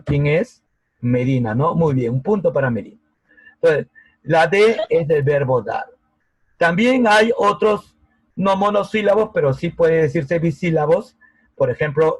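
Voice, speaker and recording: Slow-talking man teaching a grammar class. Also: a little high, darkish tone, breathy edge, no echo, muffled recording. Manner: slow, patient, checks in with the class often. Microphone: laptop mic on a video call.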